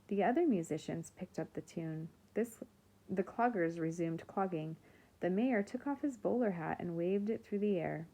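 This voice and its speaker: A woman teacher reading a children's chapter book aloud in a calm, expressive narrating voice. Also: on the low side, moderate pace, rough recording. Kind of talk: storybook read-aloud.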